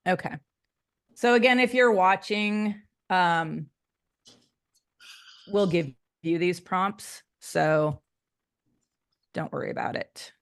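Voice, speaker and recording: Woman, marketing coach, lowish voice, relaxed and chatty, lots of fillers. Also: slow pace, long pauses, clear, resonant tone. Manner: relaxed, filler-heavy explaining. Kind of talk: casual coaching session with screen share.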